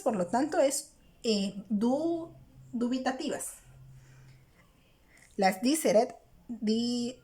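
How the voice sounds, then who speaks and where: A woman's voice: fairly high pitch, darkish tone. A woman teacher patiently explaining a grammar lesson, often checking in with the listener. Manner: patient, repeats "¿verdad?" to check understanding.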